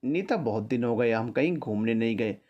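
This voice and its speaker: A man's voice: mid-range voice, animated, moderate pace, muffled recording, lightly acted. A man voicing a young, newly rich boss who talks fondly and jokingly with his girlfriend. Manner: affectionate, joking.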